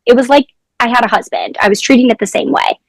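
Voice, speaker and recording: High-voiced woman telling classroom stories. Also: fast, no room sound. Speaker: guest, former teacher. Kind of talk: casual interview talk.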